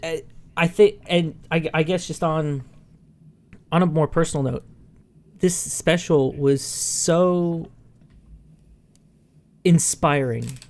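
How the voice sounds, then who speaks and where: A man in his thirties talking casually on a podcast mic. He speaks in halting bursts and often restarts and repeats words. His remarks are self-deprecating. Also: fairly high pitch, steady tone, a little mellow. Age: 30s. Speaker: podcast co-host. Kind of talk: casual chat.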